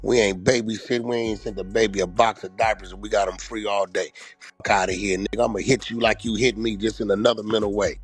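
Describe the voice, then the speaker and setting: A man's voice: fairly low pitch, flat delivery, fast, husky, faint music behind. A man ranting profanely and boastfully, mocking others by acting out their voices.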